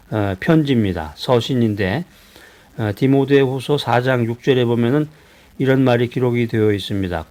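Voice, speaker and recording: A man from Seoul, a pastor giving a conversational sermon, asking his listeners questions and pausing on hesitations. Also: mid-range voice, a little mellow. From Seoul, South Korea. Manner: conversational preaching with rhetorical questions and frequent hesitations.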